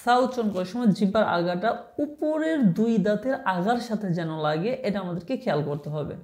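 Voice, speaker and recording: A woman teaching Arabic letter pronunciation in an online Quran class, patiently modelling each letter slowly and often checking with the listener. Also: mid-range voice, animated, darkish tone. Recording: echoey room.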